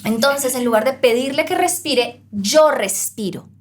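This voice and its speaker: Lively woman explaining parenting calmly. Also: high voice, a little slow. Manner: animated, acts out parent and child voices. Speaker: parenting expert guest. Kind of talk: explanatory podcast talk.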